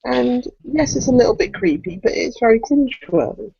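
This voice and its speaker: A co-host of a fan podcast, animated and opinionated, quick to complain. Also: mid-range voice, gravelly, slight background noise. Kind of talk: casual fan chat, ranting. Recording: dull lo-fi dry recording.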